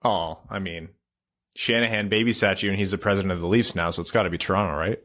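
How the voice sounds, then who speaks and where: A man's voice: low voice, fairly even intonation, fast, a bit bright. A man hosting a podcast, asking fan questions and joking in an easygoing way. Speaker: podcast host. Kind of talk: casual interview chat.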